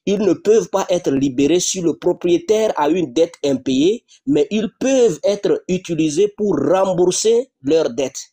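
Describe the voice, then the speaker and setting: Insistent man reading texts, husky. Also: sits high, animated, measured pace, few pauses, mellow. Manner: insistent, repeats rhetorical questions. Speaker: debater reading religious texts. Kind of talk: live debate monologue.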